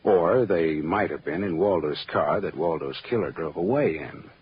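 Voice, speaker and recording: An actor playing a wry, hardboiled American private eye in an old radio drama, cool and sardonic, on a muffled, noisy recording. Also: male voice, low-pitched, normal speed, close to an everyday voice. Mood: persuasive. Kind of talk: mid-century radio drama acting.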